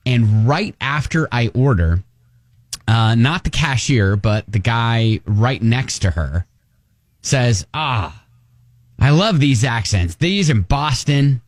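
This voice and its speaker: A man from Ohio co-hosts a radio show and tells a story during a casual on-air chat. His mid-range voice is slightly nasal and animated, full of quick restarts, and the recording is dry.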